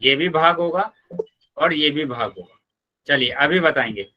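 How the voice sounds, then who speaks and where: A male math teacher leading a live online class, patiently explaining steps and repeating them, addressing students warmly as children. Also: a little high, animated, unhurried, highs cut off.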